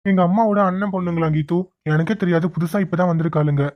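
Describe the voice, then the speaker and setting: A woman's voice: lowish voice, fast talker, lo-fi sound, lightly acted. A woman voicing an impatient young man in a cartoon, speaking in a curt, irritated way. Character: young man, impatient with cousin, doting on girlfriend.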